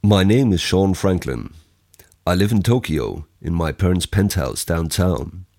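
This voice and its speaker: A man's voice: low voice, measured pace, a little mellow. A young man giving a scripted first-person description of his home for a listening exercise, read steadily.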